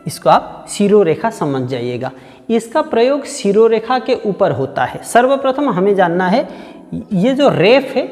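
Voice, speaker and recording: A man teaching a grammar lesson, slow and patient, repeating each sound aloud several times. His pitch swings a lot as he stresses examples. The sound carries a long reverb, with faint music underneath. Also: a little mellow. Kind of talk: exam-prep grammar lesson.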